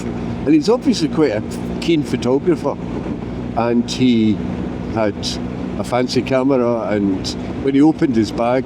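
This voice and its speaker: Casual male motovlogger, middle-aged, medium pitch, speaking inside a motorcycle helmet over clear engine and road noise, chatty and self-effacing. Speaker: motorcycle vlogger. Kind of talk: casual rambling monologue to camera while riding. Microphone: mic inside motorcycle helmet.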